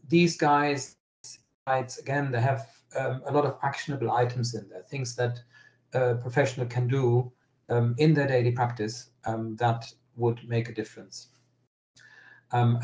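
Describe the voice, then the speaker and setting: A man presents over a video call, and his voice comes through with a strange metallic tint. The audio is roomy and echoey, with an average pitch. He pauses often and fills the gaps with ums and restarts. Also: a little mellow. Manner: hesitant, many ums and restarts. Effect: strange metallic sound over an online call. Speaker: webinar presenter. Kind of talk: online presentation.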